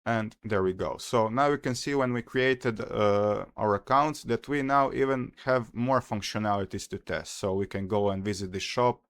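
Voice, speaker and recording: A young Croatian man with a low voice explains a hacking walkthrough step by step. He speaks in a careful, methodical way with frequent small pauses. The recording is close and dry. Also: smooth, dry recording. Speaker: security tutorial host. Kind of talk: screen-recorded hacking tutorial.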